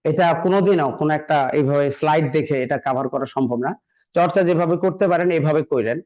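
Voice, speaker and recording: A man's voice: a little high, a little fast. A man teaching an English class in a chatty, encouraging way, often repeating himself. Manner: conversational, encouraging, repeats phrases. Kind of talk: classroom lecture. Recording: dull lo-fi recording.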